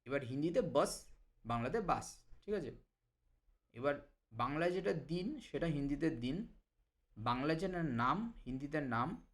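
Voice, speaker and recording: Bengali-speaking man teaching words, fairly high voice. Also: expressive. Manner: explains each word, repeats it slowly, asks "right?". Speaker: language teacher. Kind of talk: vocabulary lesson.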